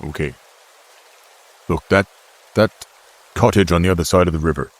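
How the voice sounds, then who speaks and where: Guy doing a gruff deep farmer, short and guarded. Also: moderate pace. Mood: wary.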